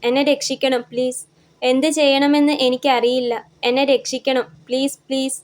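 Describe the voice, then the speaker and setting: A woman voicing a frightened young woman in a story, crying and pleading softly for help. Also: high voice, fairly even intonation, normal speed, natural voice. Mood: tearful pleading. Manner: pleading, soft.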